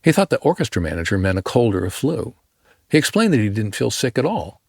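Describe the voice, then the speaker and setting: A man narrating a podcast story in a measured, scripted storyteller's delivery. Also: on the low side, big pitch swings, no room sound, studio quality.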